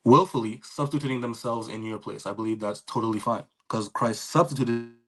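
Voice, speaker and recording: A man in a heated call-in debate, halting and repeating himself as his call audio cuts in and out. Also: mid-range voice, fairly even intonation. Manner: halting, repeats himself, stumbles over words. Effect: call audio cutting in and out. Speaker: debate caller. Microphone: online call connection.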